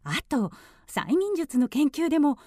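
An actress playing a courteous, gently informative woman in a radio drama, with a polite, genteel manner. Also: high voice, sing-song, a little slow, dry recording, studio quality.

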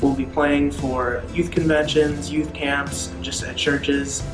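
Slightly high-voiced man from Wisconsin. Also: little pitch movement, slow pace. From Wisconsin, USA. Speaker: band lead guitarist. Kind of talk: promo video interview. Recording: roomy, with music behind.

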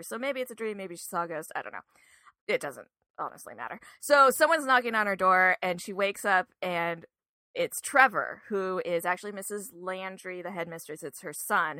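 Bright chatty woman recapping a film. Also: fairly low pitch, dry recording. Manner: chatty plot recapping, giggly. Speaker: podcast co-host. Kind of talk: casual movie review chat.

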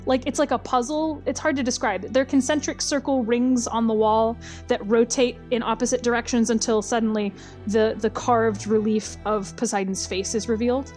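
A woman's voice: fairly high pitch, a little mellow. A woman casually recapping a storyline, wry and chatty, with lots of ums and uhs.

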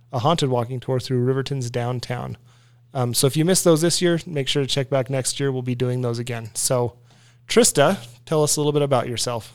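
Male podcast host, mid-pitched, dry close sound, folksy and teasing. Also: darkish tone, clean tone, no room sound. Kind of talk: casual podcast chat.

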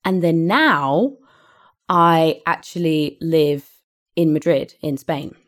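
A woman's voice: low voice, slow. A woman with a southern English accent, an English teacher and podcast cohost, chatting cheerfully in an interview and laughing easily. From England. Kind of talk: casual interview chat.

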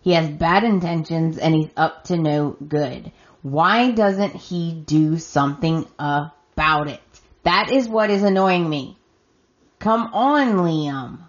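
On her solo recap podcast, a woman with a low-sitting voice speaks slowly in a muffled recording. She's emphatic and addresses the characters directly, her voice going scratchy as she loses it.

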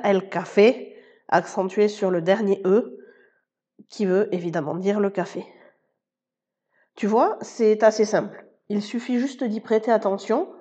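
A woman teaches in a scripted podcast lesson, speaking with a warm, mellow voice. She explains each point patiently and addresses the listener informally. The recording sounds slightly dull and muffled. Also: mid-range voice. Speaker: Spanish teacher.

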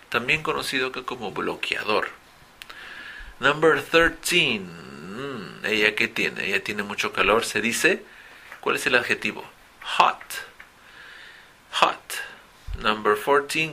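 Gravelly, bright-voiced teacher. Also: male voice, fairly low pitch. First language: Spanish. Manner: models English phrases slowly and loudly, often asks "¿ok?". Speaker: English teacher. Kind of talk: recorded vocabulary lesson.

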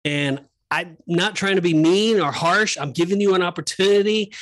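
A man co-hosts a Bible study podcast and explains the passages in an earnest way, dropping in slang and laughing at himself. His voice sits a little high for a man. The recording is dry and close. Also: normal speed, fairly bright tone, no room sound. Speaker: podcast co-host. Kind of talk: casual Bible study chat.

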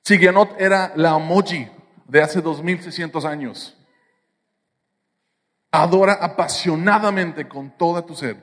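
A man's voice: fairly high pitch, measured pace, long pauses, fairly bright tone, in a large hall. A man with a Mexican accent preaching a sermon, with playful jokes and asides to the congregation. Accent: Mexican Spanish. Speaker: pastor.

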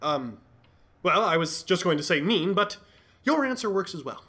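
A man's voice: high voice, big pitch swings, normal speed, sharp tone, full character voice. A man playing the pompous Midnight Sleuth. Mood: smug. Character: cowardly, pompous, scatterbrained male sleuth. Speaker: bumbling detective in a radio-drama parody. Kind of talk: 1940s radio acting.

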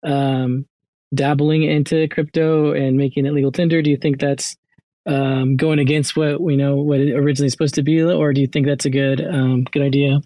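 A man's voice: medium pitch, flat delivery, moderate pace, dark tone, no echo. A man hosting a casual interview chat, talking in a hesitant way as he searches for his words. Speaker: host.

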